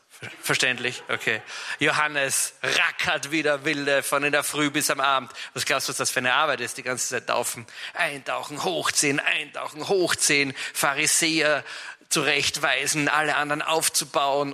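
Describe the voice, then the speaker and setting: Austrian male preacher; unhurried, chatty Bible retelling, slightly high and bright voice. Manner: chatty, addresses listener directly. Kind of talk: casual retelling of a Bible story.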